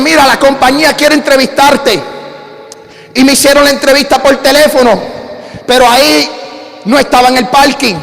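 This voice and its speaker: A man with a Puerto Rican accent, a pastor telling a personal story in a sermon with lively calls to his congregation. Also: extremely high pitch, gravelly. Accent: Puerto Rican Spanish. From Puerto Rico. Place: church sanctuary. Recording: church hall reverb.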